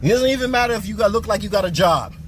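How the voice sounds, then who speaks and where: Very fast and animated, this man's high voice carries over slight background noise. It's casual street vox pop: he shoots interviews on a handheld phone out in the city and in a car, using chatty street slang.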